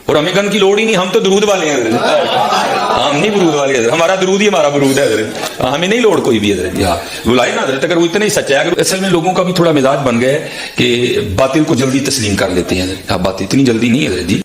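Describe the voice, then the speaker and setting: A man's voice: a little high, expressive, a loud crowd. A man, preaching and telling a devotional story in a rhetorical way, often addressing his listeners directly.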